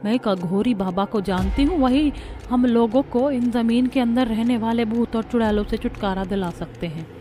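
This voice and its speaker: A woman's voice: on the high side, moderate pace, mellow, slight background noise, pitched above the performer's own voice, natural voice. A woman voicing a terrified village woman in a cartoon, panicked and pleading. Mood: desperate. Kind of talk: cartoon voice acting.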